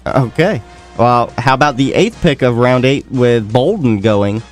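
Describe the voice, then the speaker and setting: A man's voice: medium pitch, unhurried, soft background music. Male radio host running through picks. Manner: joking, runs through draft picks. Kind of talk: casual radio sports talk.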